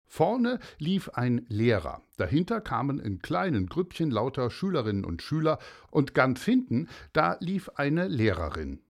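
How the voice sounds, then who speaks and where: A man's voice: mid-range voice, huge pitch swings, a little slow. A man narrating a children's story, speaking directly to young listeners in a friendly way.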